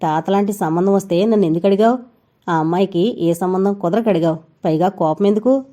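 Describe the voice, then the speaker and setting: A woman's voice: mid-range voice, brisk, warm tone, close to an everyday voice. A woman reading a mocking arrogant young man. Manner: mocking, sneering.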